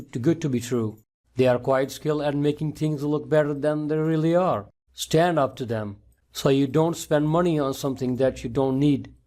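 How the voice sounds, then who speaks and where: A man's voice: medium pitch, dark tone. A man narrating a scripted story as the narrator of an online video.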